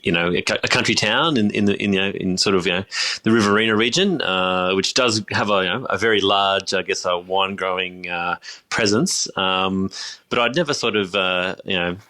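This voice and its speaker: A man with an Australian accent, a winemaker talking as a podcast guest, halting, full of fillers and restarts. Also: low voice, sharp tone. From Griffith, New South Wales, Australia. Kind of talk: casual interview chat.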